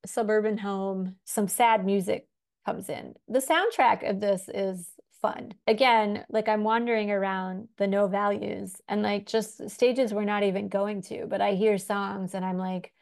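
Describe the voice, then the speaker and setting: A woman co-hosting a casual podcast, retelling a movie with lively, animated storytelling. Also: mid-range voice, a little slow, vocal fry. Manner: animated storytelling, acting out scenes. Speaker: podcast co-host. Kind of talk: casual chat recapping a film.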